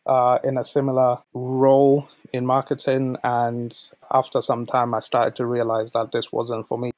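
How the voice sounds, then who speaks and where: A volunteer manager in his late twenties, born in Zambia and moved to the UK at twelve, answers a podcast's interview questions conversationally. His voice is medium-pitched and a little mellow, on a dry recording.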